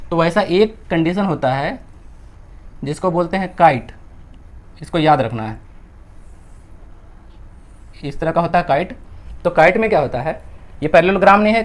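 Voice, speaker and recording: This high-voiced young man speaks with an Indian accent as he teaches maths. Moving through textbook problems one step at a time, he blends Hindi with English, raising questions and answering them on his own.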